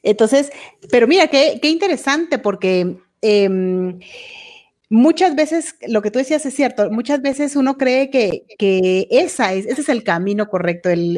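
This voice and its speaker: A woman's voice: mid-range voice, darkish tone. A woman hosting an online interview, listening attentively, affirming her guest and reading out viewer messages. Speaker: interview host.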